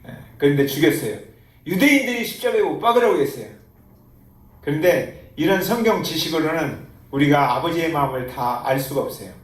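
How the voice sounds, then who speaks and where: A male pastor preaching a sermon, telling the story animatedly and acting out the quotes, in an echoey church. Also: fairly high pitch. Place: church sanctuary. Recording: roomy church hall, mic at a distance.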